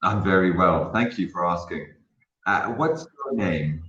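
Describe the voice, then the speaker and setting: A man's voice: sits low, unhurried, a bit bright. A man from South Africa who teaches English, chatting patiently and courteously on a tutoring call. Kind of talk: casual online tutoring chat. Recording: roomy dull lo-fi call audio.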